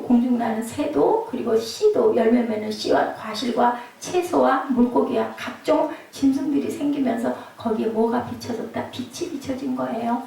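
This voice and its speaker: Woman preacher, night service sermon, gravelly, keeps checking in with the room, recorded from a distance. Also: a little high, dark tone, a little hiss or hum. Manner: keeps checking in with the congregation with tag questions. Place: church sanctuary. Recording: very echoey hall, mic far off.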